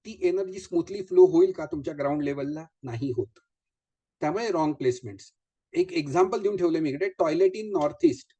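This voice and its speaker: Speaking fairly fast in a high voice with a dark tone, a man giving a live vastu consultation talk addresses his audience conversationally. He sprinkles in English phrases and poses one rhetorical question after another.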